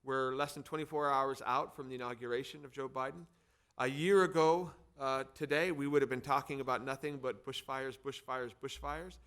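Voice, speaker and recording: With a clear, resonant, fairly bright medium-pitched voice, a middle-aged man from Arizona keeps a steady tone and moderate pace while hosting an event. As a think tank head with an American accent, he introduces speakers in semi-formal, partly improvised remarks, repeating words for emphasis.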